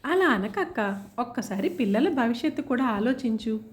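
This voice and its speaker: A woman voicing a gentle middle-aged village father who pleads earnestly and hesitantly. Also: fairly high pitch, lively intonation, normal speed, natural voice. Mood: pleading.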